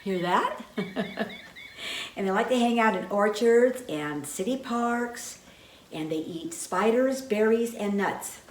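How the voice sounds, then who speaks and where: A woman presenting birds to children, chatting in a slow sing-song way with bird puppets. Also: medium pitch, expressive. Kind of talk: children's educational talk. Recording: echoey room, mic far off, faint background hum.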